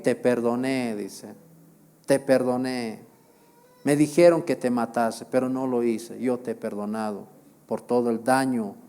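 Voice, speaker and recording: A man preaching in a slow, deliberate sermon. His voice is mellow and dark, sitting at an ordinary pitch, and he keeps repeating phrases and putting questions to his listeners. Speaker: pastor.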